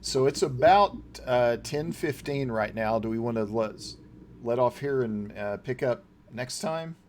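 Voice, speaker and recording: A man's voice: medium pitch, a little slow, slight background noise. A man acting as game master, running a tabletop role-playing game.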